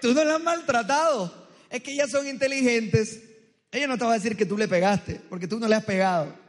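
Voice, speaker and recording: Loud and strong, a high-voiced coastal preacher, a married adult man, speaks fairly quickly, joking and storytelling as he draws answers from the audience. The humorous sermon is recorded in a big tiered church hall, with long reverb.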